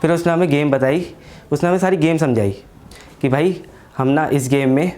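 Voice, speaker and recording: A man's voice: a little high, darkish tone. A young man doing stand-up comedy, telling a story in a crude, slangy way and acting out his friends' lines.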